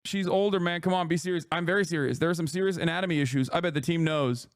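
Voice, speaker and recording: A man's voice: on the high side, fast, dry recording, studio quality. A man streaming casual reaction commentary, emphatic and profane, often laughing as he talks.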